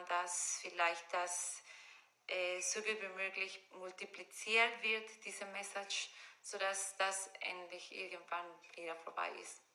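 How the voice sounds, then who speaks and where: A woman from Ecuador, giving a hesitant personal statement in careful German, with frequent pauses and fillers. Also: mid-range voice, pushed and bright, rough recording. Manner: hesitant, many fillers, non-native word order. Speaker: workshop participant.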